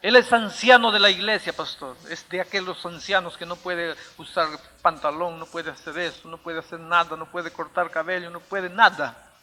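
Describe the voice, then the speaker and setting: A man voicing the exasperated wife of a rigid church elder, accusing her husband in a hushed tone. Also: sits high, steady tone, normal speed.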